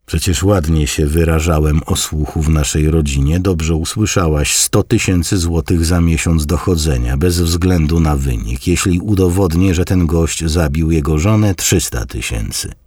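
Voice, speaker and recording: A man's voice: rumbling low, normal speed, few pauses, darkish tone, husky, dry recording, studio quality, voice pushed up. A man voicing a wry grandson working as a private investigator in an audiobook. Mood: persuasive. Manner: wry, reasoning aloud. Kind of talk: audiobook reading.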